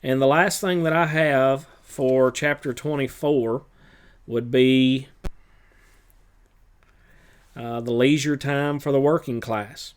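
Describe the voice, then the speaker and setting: A man with a clear, smooth, middle-pitched voice speaks as a teacher in a recorded review lesson before a test. He talks in a relaxed, unhurried way, filling pauses with many uhs and ums.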